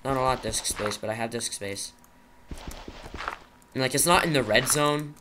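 Talking to himself as he plays Minecraft survival, a young gaming channel host rambles in a jittery, shaky, nervous way. He speaks at normal speed in a medium-pitched voice against a noisy background.

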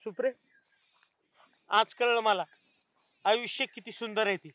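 A woman's voice: fairly high pitch, steady tone, fairly bright tone. A woman playing a young village man who rambles and philosophizes in a comedy skit. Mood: musing. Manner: preachy, drawn-out musing.

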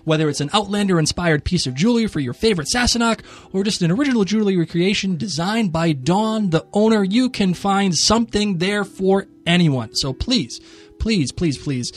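A young man co-hosting a podcast, joking around and reading a sponsor plug in an excitable way. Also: high-pitched, fairly quick, few pauses, soft background music. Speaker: podcast co-host. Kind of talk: casual podcast outro with sponsor read.

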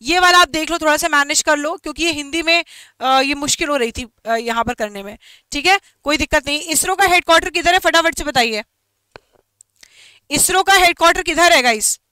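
Recorded with no room sound, this woman's voice sits high and sounds bright and forceful. She runs an online exam-prep quiz, saying every question twice and slipping in English phrases. The English questions come out slow and careful.

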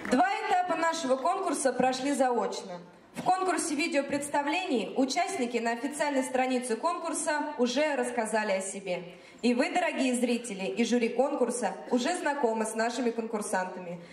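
A woman's voice: sits high, animated, fairly quick. A woman hosting a stage show, reading scripted introductions in a formal, ringmaster-like ceremonial way. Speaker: contest host. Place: large theatre stage, indoors. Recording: echoey hall from far off, loud music behind.

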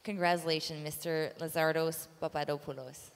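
A woman's voice: sits low, steady tone, normal speed, clear, resonant tone. A woman moderator at a conference formally introducing the next speaker and listing his credentials. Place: large conference hall. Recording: long hall reverb.

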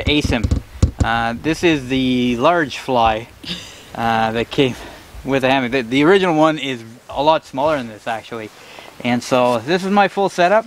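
A man in his thirties talking casually about his gear at a forest campsite, relaxed and chatty with lots of filler words. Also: medium pitch. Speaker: outdoor vlogger. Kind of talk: casual gear talk while camping. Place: forest campsite outdoors in rain. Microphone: camera mic, moving near and far. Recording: outdoor ambience noise.

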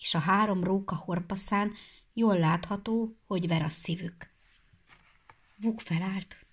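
A woman narrating a children's storybook in a measured, expressive way. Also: mid-range voice, husky. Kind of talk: storybook reading.

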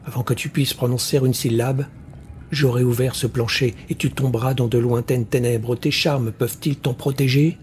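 A man's voice: mid-range voice, fairly even intonation, normal speed, darkish tone, slight background noise, close to an everyday voice. A man voicing an arrogant, scheming prince in an audiobook fantasy tale, speaking scornfully and commandingly.

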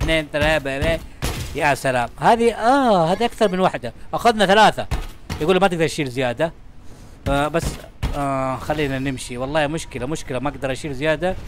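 A young man rattles through his let's-play commentary at a rapid clip. His voice sits a little high, and he keeps up an excitable, chatty patter, talking straight to the game and everything in it. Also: a little hiss or hum. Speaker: gaming channel host.

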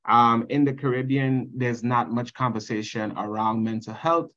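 A man's voice: mid-range voice, fairly even intonation, moderate pace, a bit bright, lo-fi sound. A man in his thirties from Trinidad and Tobago with a Trinidadian accent, earnestly presenting slides at a conference on a video call. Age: 30s. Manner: earnest, reads slide text then explains.

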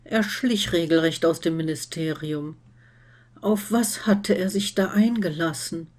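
A woman reading fan fiction aloud in steady, scripted storytelling narration. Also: on the low side, unhurried. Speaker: reader.

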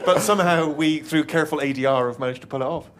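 An actor answering questions at a press event, playful and quick to laugh. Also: male voice, medium pitch, steady tone, very noisy. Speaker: actor, interview guest.

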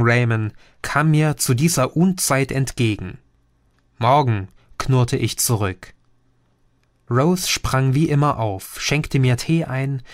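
A man reading a first-person audiobook in measured scripted narration. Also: medium pitch, dry recording, studio quality. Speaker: audiobook reader.

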